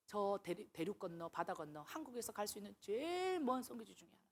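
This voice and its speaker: A woman's voice: medium pitch, very animated, fast, darkish tone. A woman missionary preaching a sermon, telling stories animatedly and acting out the dialogue she quotes.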